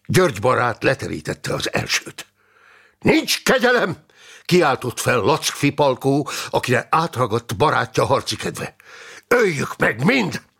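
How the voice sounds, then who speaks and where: A male narrator reading an audiobook with dramatic, expressive delivery. His voice sits low with a gravelly, husky texture, and his pitch moves widely through the telling.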